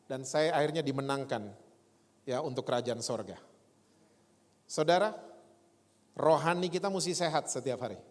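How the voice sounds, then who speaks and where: A man preaching a sermon in a church, telling a lively story and acting out voices in his quotes. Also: fairly high pitch. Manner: animated storytelling with voiced quotes, speaks of his former stutter. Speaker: pastor. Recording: long church hall reverb.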